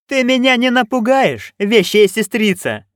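A man voicing a haughty, scheming duchess in an audiobook, with a commanding, sharp manner. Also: very high-pitched, big pitch swings, a little slow, no echo, studio quality, voice pushed up, exaggerated voice. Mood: imperious. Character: haughty shrill noblewoman, imperious and scheming. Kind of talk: audiobook character voice.

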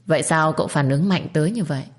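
A woman's voice: sits low, quick pace, natural voice. A woman voicing a brash young man who teases his friend. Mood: teasing.

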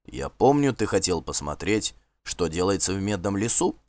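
A man reading an audiobook voices a stern king who presses his questions urgently and forcefully. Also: sits low, sing-song, moderate pace, no room sound. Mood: commanding.

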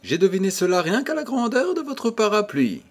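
A teasing young working girl from an old storybook tale, as a male reader puts her on. The voice is lifted well above his own and sounds playful and gently mocking. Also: on the high side, very animated, measured pace, voice pushed up, exaggerated voice. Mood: coy teasing.

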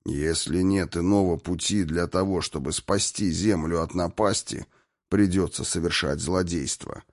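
Audiobook: male reader as a brutal warrior, low, quiet, menacing. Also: a little slow. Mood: grim threatening. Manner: menacing, speaks through gritted teeth. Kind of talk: audiobook character voice.

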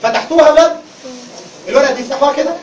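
A man with an Egyptian Arabic accent teaching Quran recitation in a classroom lecture, animated and calling on the class to answer. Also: extremely high pitch, racing, echoey room, recorded from a distance, a little hiss or hum, poor audio.

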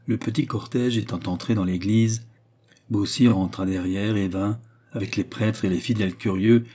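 A man narrating a classic novel as an audiobook in a steady storytelling manner. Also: lowish voice, breathy edge.

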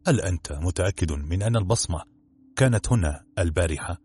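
A calm, sharp-witted detective from a storybook, read by a man. He speaks low and husky with quiet amusement, his voice moving in a lively way. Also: fast talker.

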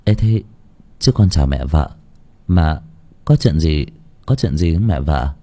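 A man's voice: very deep voice, expressive, measured pace, warm tone, pitched below the performer's own voice, full character voice. A man voicing a trusting young village groom, talking plainly with a scolding edge. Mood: puzzled.

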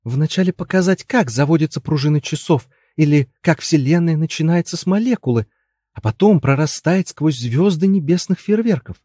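A man's voice: fairly high pitch, lively intonation, moderate pace, warm tone, slightly rough, no echo, studio quality, voice pushed up. A man reading a story and voicing an anxious young wife who coaxes and pleads with her husband. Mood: persuading. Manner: pleading, coaxing, then frantic. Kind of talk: audiobook character voice.

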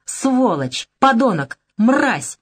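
A woman's voice: a little high, sing-song, very slow, breathy edge, pitched above the performer's own voice, exaggerated voice. A woman voicing a fierce, vindictive young woman who speaks harshly and angrily. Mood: furious. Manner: angry and harsh.

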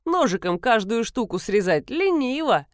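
A woman's voice: on the high side, big pitch swings, moderate pace, no room sound. A woman voicing a sardonic young man who makes dry, mocking asides.

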